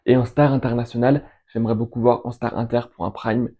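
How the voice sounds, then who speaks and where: A young man chatting casually as host, answering questions in an enthusiastic, rambling way and listing names between pauses. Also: medium pitch, little pitch movement, dull audio. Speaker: fan video host answering viewer questions. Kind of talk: casual chat.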